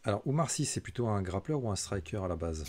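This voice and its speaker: Lowish-voiced man co-hosting a stream. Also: lively intonation, fast, a crowd in the background. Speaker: co-host reading out viewer questions. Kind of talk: casual livestream chat.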